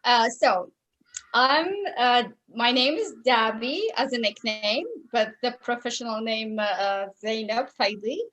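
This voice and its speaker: A woman's voice: fairly high pitch, a little slow, a bit bright, highs cut off. Hesitant woman. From Iraq. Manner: hesitant, many fillers, searching for words. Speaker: guest, concept artist. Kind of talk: podcast interview. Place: room at home.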